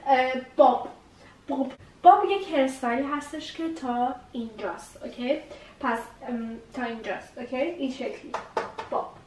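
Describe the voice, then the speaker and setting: A woman's voice: sits high, a little mellow, far from the mic, a little hiss or hum. A woman teaching English vocabulary, repeating each new word several times as she explains it. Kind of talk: vocabulary lesson. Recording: echoey room, voice a bit off-mic.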